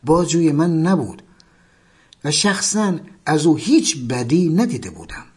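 Brief: male memoir narrator, slightly high, husky, measured storytelling. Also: sing-song.

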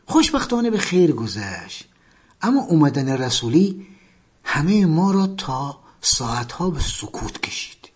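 A man narrating a memoir in measured storytelling, often dropping to soft tones. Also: on the high side, sing-song, slightly rough.

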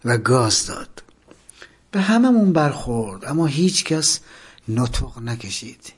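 A man narrating a first-person memoir, expressive, letting his voice sink at the ends of sentences. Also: mid-range voice, slightly rough.

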